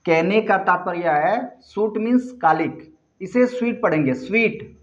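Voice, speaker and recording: Man teaching lesson, spells out words, quizzes children, slow delivery, echoey dull recording. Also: high-pitched, expressive. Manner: spells words letter by letter and repeats key answers; asks the children questions and answers them himself. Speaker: English teacher. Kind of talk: classroom grammar lesson. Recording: echoey room, dull lo-fi sound.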